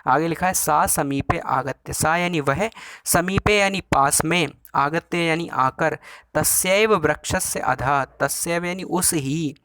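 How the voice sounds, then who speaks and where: A man's voice: a little high, measured pace, bright, forceful tone, no echo. A man teaching a Sanskrit story, reading each word and explaining it in plain terms. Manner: explanatory, repeats each Sanskrit word then glosses it in Hindi. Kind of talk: Sanskrit lesson, translating a story line by line.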